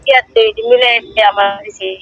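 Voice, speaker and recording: On a recorded phone call, a wife argues casually with her husband about domestic matters in an eastern Bengali dialect. Her voice is on the high side and a bit bright, and she talks fast with fairly even intonation. The audio is lo-fi but has no echo.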